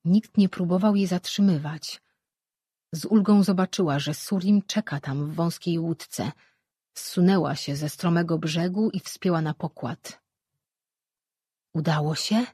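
Slightly husky audiobook narrator, dry and close. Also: medium pitch, no echo. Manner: even, measured reading. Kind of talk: scripted narration.

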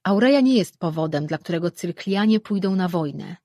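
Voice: medium pitch, lively intonation, fairly quick, a little mellow, no room sound, clean studio sound, lightly acted. An audiobook reader voicing a scornful, quarrelsome goddess who speaks in a raised, cutting tone. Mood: insistent.

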